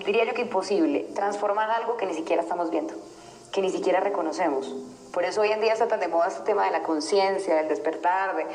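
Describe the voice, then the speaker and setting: Colombian woman coach, live-stream chat, roomy echo, faint hum behind. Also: fairly low pitch. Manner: warm, conversational, reads viewer comments aloud. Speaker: coach hosting a live session. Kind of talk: casual talk on a live stream. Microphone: phone.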